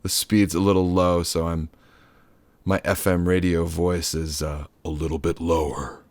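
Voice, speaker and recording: A man's voice: low voice, level tone, a little slow, no room sound. A man giving a loose, chatty hands-on synth tutorial, cracking offhand jokes and the odd swear word. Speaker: synth module demonstrator.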